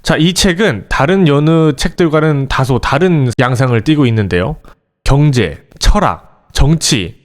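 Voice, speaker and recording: A man hosting an education channel, giving a scripted, animated explainer aimed directly at parents. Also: a little high, unhurried. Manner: lively, animated delivery addressing parents directly.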